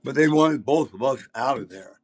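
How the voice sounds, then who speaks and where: Recounting stories from his days as a concert promoter, an older podcast host, likely around 70, rambles emphatically and with salty language. His mid-range, slightly rough voice has lively intonation and normal speed.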